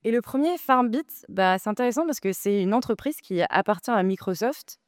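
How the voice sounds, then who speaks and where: Smooth-voiced woman debating. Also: a little high, lively intonation, brisk, dry recording, studio quality. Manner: hesitant, many filler sounds, insistent. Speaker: debate speaker, co-president of a data nonprofit. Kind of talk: debate argument.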